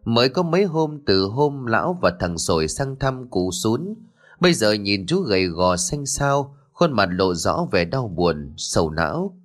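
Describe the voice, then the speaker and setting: Expressive male storyteller. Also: on the low side. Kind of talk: scripted ghost-story narration.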